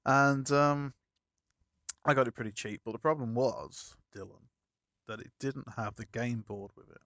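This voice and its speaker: A man's voice: mid-range voice, unhurried, fairly bright tone, no echo, dull audio. A man chatting casually as a podcast co-host, rambling through a story and correcting himself as he goes. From United Kingdom.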